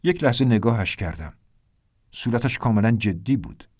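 A man reading a first-person story aloud in a plain, steady way. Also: lowish voice, breathy edge, no echo, studio quality. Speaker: audiobook narrator.

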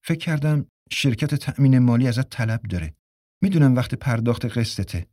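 A man's voice: animated, mellow, no echo, clean studio sound, lightly acted. Man doing a stubborn young wife. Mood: coaxing. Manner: raised pitch, quick and insistent. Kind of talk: audiobook character reading.

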